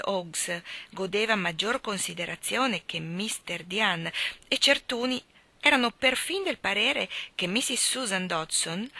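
A woman reading a classic novel aloud with measured, expressive narration. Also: medium pitch, no room sound. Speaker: audiobook reader. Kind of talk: literary reading.

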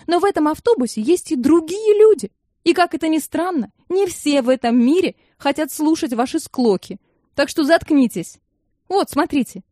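A woman reading an audiobook, voicing a fed-up teenage girl who yells at her family. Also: high voice, no room sound, clean studio sound, voice pushed up. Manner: shouting, exasperated.

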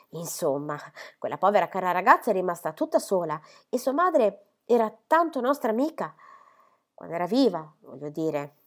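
A woman voicing a flustered, chatty middle-aged spinster who talks in high, gushing bursts. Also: close to an everyday voice. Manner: gushing, high, breathless apologies.

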